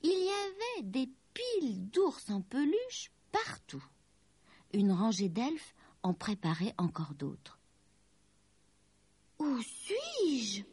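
A woman reading a children's story aloud, slow and expressive with gentle dips in pitch. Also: husky, no echo. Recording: dry close recording with faint music.

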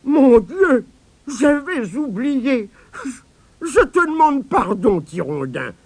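A man voicing a fussy, grumpy old grandmother in a children's story, speaking in a shrill, scolding way. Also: sing-song, slow pace, fairly bright tone, dry recording, full character voice. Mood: remorseful.

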